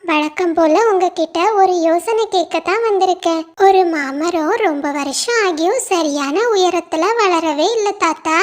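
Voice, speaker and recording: A clever young parrot, voiced by a woman with a very high, bright voice. He talks in lively, quick bursts and often exclaims, like a sidekick in a children's cartoon.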